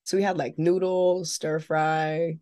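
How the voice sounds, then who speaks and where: A young adult woman co-hosting a podcast, telling an animated, casual story with some swearing. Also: low-pitched, takes it slowly. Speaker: podcast co-host. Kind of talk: casual chat.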